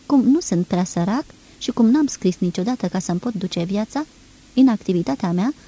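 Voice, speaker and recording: A woman reading a literary novel aloud as an audiobook, in a measured, expressive storytelling manner. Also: medium pitch, breathy edge, poor audio. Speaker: reader.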